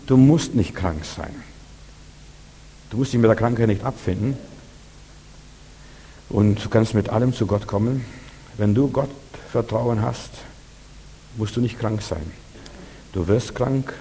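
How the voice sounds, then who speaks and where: A man's voice: on the low side, dark tone, big-room sound, slight background noise. A man preaching a sermon in an earnest, repetitive way, speaking straight to his listeners.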